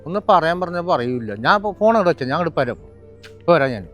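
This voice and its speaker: A man's voice: fairly high pitch, animated, fast talker, a bit bright, highs cut off, soft background music. A man playing an anxious, questioning father. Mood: worried, pressing. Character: worried father on the phone with his daughter. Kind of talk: home-made family drama acting.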